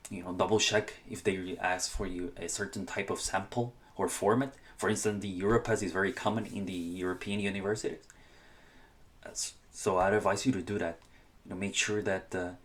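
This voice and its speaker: A young man from Honduras with a Spanish accent, giving casual podcast-style scholarship advice, often restarting and correcting himself. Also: fairly low pitch. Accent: Spanish-speaking Honduran. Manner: hesitant, many restarts and self-corrections. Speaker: channel host.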